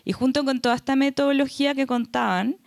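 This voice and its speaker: Mujer chilena de voz aguda y seca. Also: female voice, high-pitched, steady tone, fast, creaky, no echo, clean studio sound. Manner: earnest, tag questions like "¿ya?". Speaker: foundation representative on a panel. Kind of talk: panel talk.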